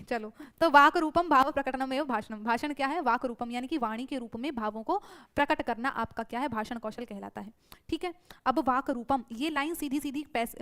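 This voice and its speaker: A woman's voice: high voice, a bit bright. A woman teacher giving an online exam-prep lecture, drilling students with repeated rhetorical questions.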